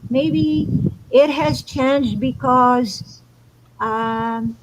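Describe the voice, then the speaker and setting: Slow-talking woman. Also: high voice, low-quality recording. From Morocco. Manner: earnest, unhurried spiritual explaining. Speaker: show host. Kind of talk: casual astrology talk.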